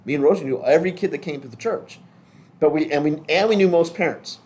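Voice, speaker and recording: A man's voice: on the high side, fast, a little mellow. An older man teaching a lay ministry class in a casual, rambling way, often restarting his sentences.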